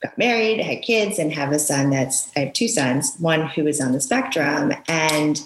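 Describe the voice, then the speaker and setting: A woman guest, a Japanese native speaker raised in New York, talking earnestly with frequent pauses and ums in a casual interview. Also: low voice. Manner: earnest, halting, many ums. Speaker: guest author, parent. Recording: echoey room.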